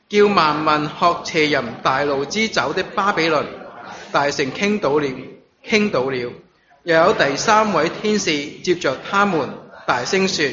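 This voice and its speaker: A man with a fairly high voice leads a sermon and reads scripture aloud at a steady, measured pace. When he leaves the text he stumbles over fillers. The recording sounds dull and lo-fi, with a congregation clearly audible behind him. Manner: measured reading of scripture, halting fillers when speaking freely. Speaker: preacher. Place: church service, also streamed online.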